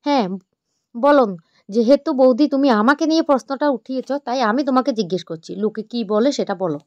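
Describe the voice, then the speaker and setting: A wronged young woman, played by a woman narrator, hurt yet standing her ground with indignant questions. She speaks quickly in a slightly high voice, close and dry. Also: no echo, muffled recording, close to an everyday voice. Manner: pleading, indignant.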